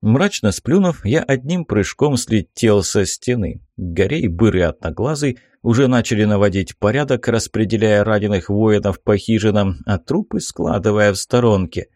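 A man reading a first-person fantasy novel aloud as an expressive audiobook narrator. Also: lowish voice, moderate pace, hardly any pauses, no room sound, clean studio sound.

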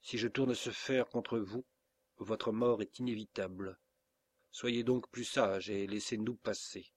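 A man's voice: fairly low pitch, steady tone, unhurried, slightly rough. A man voicing a grave, threatening mysterious stranger in an audiobook. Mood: menacing. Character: cold menacing mysterious male stranger. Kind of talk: audiobook character reading.

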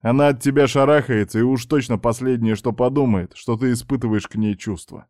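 A man's voice: mid-range voice, a little fast, a little mellow, no echo, studio quality, close to an everyday voice. A man voicing a joking, easygoing young male friend who teases the narrator. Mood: teasing. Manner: joking, mocking.

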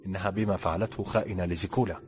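Storybook role: male narrator doing an authoritative ruler, low voice, formal delivery. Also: steady tone, rapid-fire, close to an everyday voice. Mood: indignant. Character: stern powerful male ruler, commanding.

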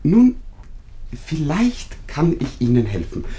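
An actor playing a fussy, overly polite village visitor in a radio play, effusive and rambling. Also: male voice, fairly high pitch, huge pitch swings, takes it slowly, warm tone, a little hiss or hum, full character voice. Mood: fussing.

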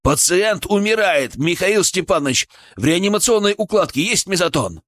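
A man voicing a young male surgeon who shouts urgent orders in an emergency. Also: on the high side, lively intonation, normal speed, dry recording, clean studio sound, voice pushed up. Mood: urgent commanding.

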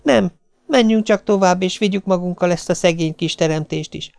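A man's voice: creaky, darkish tone, dry recording. A man reading an audiobook, voicing a desperate young mother in a raised, pleading voice. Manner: raised pitch, pleading and tearful.

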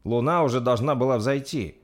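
A man's voice: mid-range voice, lively intonation, moderate pace, a little mellow, voice pushed up, natural voice. A man voicing a nervous red-haired male warrior who talks anxiously in an audiobook story. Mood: worried. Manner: anxious, uneasy.

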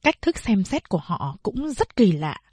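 Husky-voiced woman reading a novel aloud. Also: medium pitch, very animated, a little mellow, dry recording, clean studio sound. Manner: measured storytelling. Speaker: audiobook narrator. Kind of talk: scripted narration.

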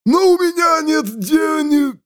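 A man's voice: very high-pitched, animated, fairly bright tone, dry recording, clean studio sound, pitched above the performer's own voice, full character voice. A man voicing a greedy, moaning walking corpse in an audiobook story. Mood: whining despair. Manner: screeching, moaning, drawn-out.

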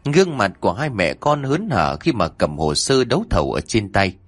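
A man telling a scripted horror story in a lively, dramatic way. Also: lowish voice, normal speed, husky, no room sound.

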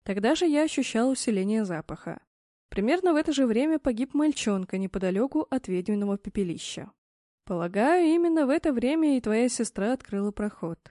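A woman voicing a stern, knowing man who calmly instructs others before a ritual, in an audiobook. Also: a little high, a little fast, dry recording, studio quality, close to an everyday voice. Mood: instructive. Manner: calm, instructive, admonishing.

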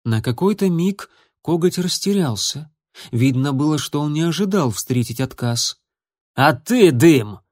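Measured male audiobook narrator. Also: mid-range voice, a little mellow, no room sound, clean studio sound. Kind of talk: scripted narration.

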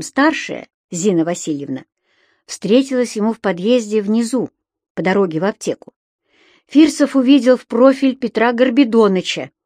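A woman narrating a novel as an audiobook, in a measured, expressive, unhurried way. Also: medium pitch, no echo, studio quality. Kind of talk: scripted literary narration.

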